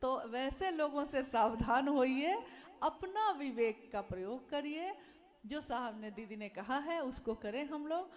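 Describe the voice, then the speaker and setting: A woman speaks to a devotional gathering in a high voice. She talks slowly and earnestly. She pleads with her listeners and repeats her key phrases. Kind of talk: devotional talk.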